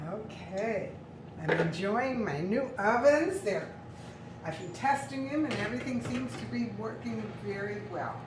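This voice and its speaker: A woman's voice: a little high, expressive, a little slow, reverberant, background noise. Cheerful middle-aged woman cooking host. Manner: cheerful, giggly, homey. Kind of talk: casual cooking chat. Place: home kitchen, later outdoors.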